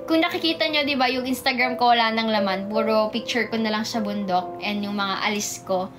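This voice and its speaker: A woman's voice: on the high side, a little fast. A young Filipino woman chatting casually on a livestream, bubbly and chatty, reading comments and greeting viewers by name, a little tongue-tied from a sore in her mouth. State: sore mouth from a canker sore, stumbling over words. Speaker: idol livestreaming to fans. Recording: music playing in the background.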